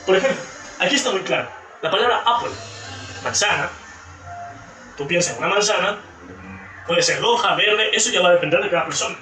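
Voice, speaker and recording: A man's voice: sits high, sharp tone. A man teacher giving a class presentation, explaining with examples and often correcting himself as he goes. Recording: echoey room from a distance with faint music.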